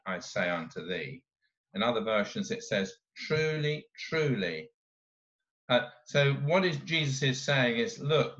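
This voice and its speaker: Male lay preacher, mid-pitched, slow and emphatic sermon delivery, muffled lo-fi sound. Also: a bit bright.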